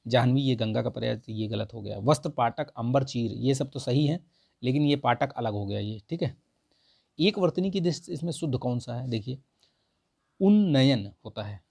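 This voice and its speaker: This is a studio-quality, dry recording of a man whose mid-range voice is gravelly yet warm. He's a teacher walking through answers on a Hindi vocabulary practice test, restating the correct forms and often saying "ठीक है" between points.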